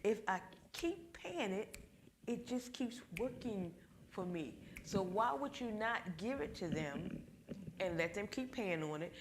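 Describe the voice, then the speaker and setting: Animated woman teaching a church class. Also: mid-range voice, measured pace, background noise. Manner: animated storyteller, acts out voices. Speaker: ministry financial class leader. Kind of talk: church group discussion.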